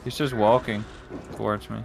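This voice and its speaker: Gravelly young man, casual gaming chat. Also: lowish voice, level tone, moderate pace. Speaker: let's play co-player. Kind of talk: casual gameplay commentary. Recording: loud game music behind. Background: video game music.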